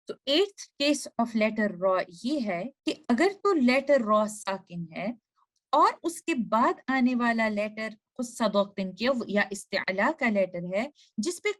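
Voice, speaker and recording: A woman's voice: on the high side, a bit bright. A woman teaching Quran recitation rules, who explains carefully and stretches out each example word as she demonstrates it. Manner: slow, drawn-out demonstrations of example words, repeating them. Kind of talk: slide-based tutorial explaining pronunciation rules.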